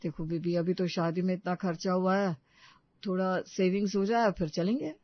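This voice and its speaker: A woman's voice: lowish voice, fairly even intonation, normal speed, muffled recording, lightly acted. A woman voicing a mild-mannered young husband in a cartoon story, speaking in a coaxing, placating tone. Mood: pleading.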